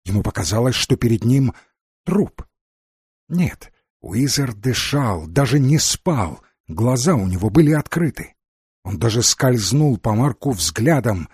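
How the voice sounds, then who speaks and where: A male audiobook narrator with a husky voice reads in an expressive, dramatic way. His pitch moves a lot across phrases. The recording is dry and close. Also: a little slow, no room sound. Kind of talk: scripted narration.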